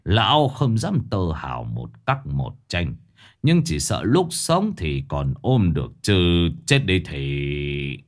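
A man voicing a blind old male fortune-teller in a storybook ghost tale, speaking slowly, low and without emotion, with cold authority. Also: very animated, full character voice. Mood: cold, scornful. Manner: slow, low, emotionless and commanding.

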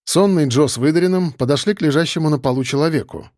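A man reading a first-person crime audiobook in an even storytelling delivery. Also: fairly high pitch, fast talker, no echo, studio quality. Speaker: audiobook narrator. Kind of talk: scripted first-person narration.

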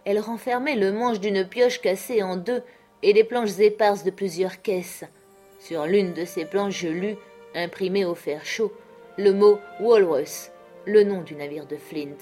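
Woman reading a classic novel aloud. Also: medium pitch. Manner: measured, expressive storytelling. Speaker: audiobook narrator.

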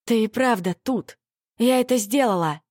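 A woman's voice: a little high, moderate pace, darkish tone, no room sound, studio quality, voice pushed up, lightly acted. A woman voicing an eager young woman mage. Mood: overjoyed. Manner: eager, protesting.

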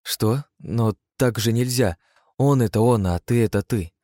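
A man lifts his voice to play a gentle young woman from a fantasy story, soft and reproachful. The recording is dry and close. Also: medium pitch, moderate pace, dry recording, voice pushed up, close to an everyday voice.

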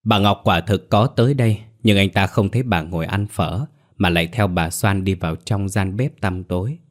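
Brief: male storyteller, low voice, even scripted ghost-tale narration. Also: normal speed.

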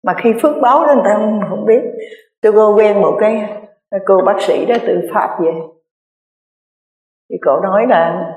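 A woman's voice: medium pitch, moderate pace, long pauses, darkish tone. A Buddhist nun giving an earnest dharma talk, repeating key phrases and addressing her listeners directly. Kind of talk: sermon. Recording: echoey reverberant hall.

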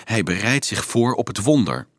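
Man reading earnest teenage boy, storybook, urgent, hesitant, lively swinging delivery, dry close sound. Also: on the low side, moderate pace, no room sound. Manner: hesitant, then urgent and explaining. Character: earnest teenage boy leading a crowd of children. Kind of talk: audiobook reading.

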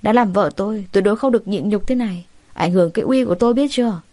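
A woman's voice: mid-range voice, fast, mellow, no room sound, natural voice. A woman doing a stern, commanding young husband. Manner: firm, commanding. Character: stern young husband defending his wife.

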